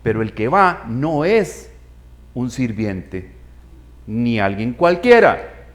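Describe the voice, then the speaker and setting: A man's voice: medium pitch, sing-song, slow pace. A man preaching a sermon, asking his congregation questions and acting out voices in the story. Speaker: pastor.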